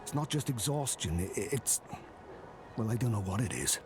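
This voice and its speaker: A man's voice: lowish voice, very animated, normal speed, noisy background. A man voicing a worried, prickly male officer in a game, hesitant in his speech. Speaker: expedition officer acting as medic. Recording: game audio with clear music behind.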